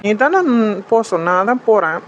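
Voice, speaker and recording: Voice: mid-range voice, animated, normal speed, a bit bright, lo-fi sound, a little hiss or hum, close to an everyday voice. A voice actor playing an affectionate young man who fondly teases and scolds his sweetheart in a cartoon story. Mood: teasing. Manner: teasing, calls her silly fondly. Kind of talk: cartoon voice acting.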